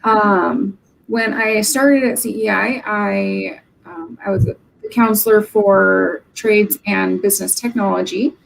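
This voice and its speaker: Speaking slowly from her office on a video call, a young Oregon woman who works as an admissions counselor gives earnest interview answers, filling gaps between points with um. Her voice is medium-pitched, gravelly, and fairly even, captured on a low-quality recording.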